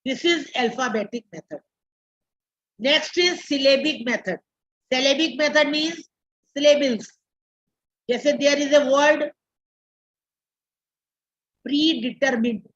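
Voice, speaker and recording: A woman's voice: high voice, moderate pace, long pauses, fairly bright tone, dull audio. A woman with an Indian English accent giving a classroom lecture to teacher trainees, repeating key terms and slipping into Hindi. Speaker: teacher educator.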